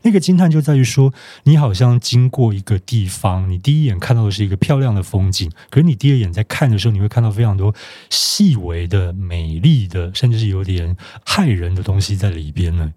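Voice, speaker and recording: A man who works as a book editor, interviewing a guest in a calm, attentive, descriptive way. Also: on the low side, a little fast, few pauses, dry recording. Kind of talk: interview conversation.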